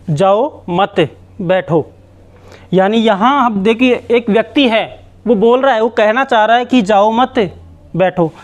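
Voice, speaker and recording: A man teaching a grammar lesson, explaining slowly and repeating himself with many restarts. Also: high-pitched. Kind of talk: Hindi grammar lesson at a board.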